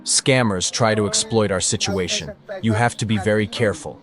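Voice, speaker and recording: A man's voice: lowish voice, normal speed, a crowd in the background. A man from Bangladesh speaking as an interviewee in a plain, earnest way.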